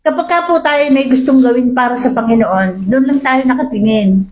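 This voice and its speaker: A woman preacher giving a lively sermon, reading Bible verses and often asking the congregation "di ba?". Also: fairly high pitch, moderate pace, lo-fi sound. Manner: asks the congregation "di ba?" often, animated. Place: church hall. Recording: echoey church hall.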